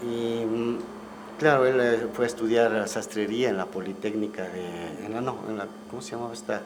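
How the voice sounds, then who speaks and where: A man, a guest musician recalling the past in a relaxed, storytelling way and often ending with tag questions. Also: fairly low pitch, normal speed. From Ecuador. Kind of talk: casual interview conversation. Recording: clear background noise.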